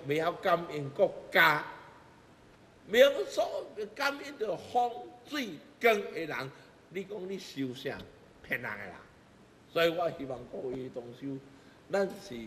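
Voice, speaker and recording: A man's voice: on the high side, a bit bright, a little hiss or hum. A middle-aged man with a Taiwanese accent gives a Buddhist sermon, emphatic, with rhetorical questions and repeated phrases. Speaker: Buddhist master giving teachings. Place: temple hall before a seated congregation. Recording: echoey hall, music bed underneath.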